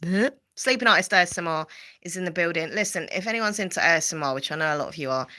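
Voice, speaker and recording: A woman's voice: on the low side, very fast, sharp tone. A woman from Southend with an Essex accent, hosting a rambling, casual livestream chat full of fillers and repeats. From Southend, England. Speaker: livestream host.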